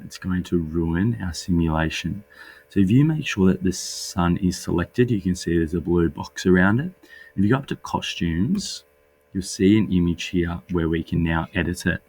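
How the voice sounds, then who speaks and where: A man, husky and under the weather, patiently explaining a coding tutorial step by step as a teacher. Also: deep voice, darkish tone, a little hiss or hum. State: sick with a cold. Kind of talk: screen-recorded coding tutorial.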